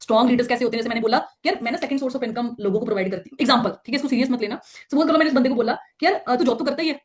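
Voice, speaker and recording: Fast-talking woman giving a training talk. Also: on the high side. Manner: acts out quoted examples in a pleading voice; explains by points, with frequent checks like "ठीक है". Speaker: network marketing trainer. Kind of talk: slide-based training talk.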